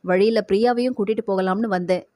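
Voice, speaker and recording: Woman voicing a soft-spoken young father. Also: mid-range voice, steady tone, no echo, studio quality, natural voice. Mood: weary. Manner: quiet, slow and tender.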